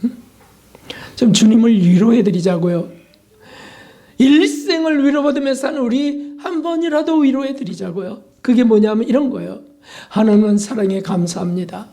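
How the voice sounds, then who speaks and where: A male pastor delivers a sermon, pressing his listeners with emphatic, dramatic rhetorical questions. His voice is mellow and warm. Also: very high voice, normal speed.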